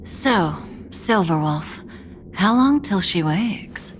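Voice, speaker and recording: A woman voicing an enigmatic, composed seer in a video game, speaking solemnly and softly, with some words breathed out in a whisper. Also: mid-range voice, lively intonation, takes it slowly, slight background noise. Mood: calm, mysterious. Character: enigmatic, composed female seer giving gentle guidance. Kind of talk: scripted game character acting.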